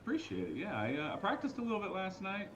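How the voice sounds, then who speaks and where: A man's voice: high voice, huge pitch swings, fast talker, fairly bright tone, muffled recording, a little hiss or hum. A man from the United States, a competitor, joking and boasting in a casual interview. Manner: joking, boastful, slightly out of breath.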